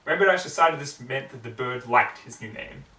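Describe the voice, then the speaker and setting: An amateur story reader, a theatrical man, narrates fan fiction expressively and hammily in an echoey room. His medium-pitched voice is bright, animated, and forceful at a normal speed. The distant microphone picks up a roomy echo.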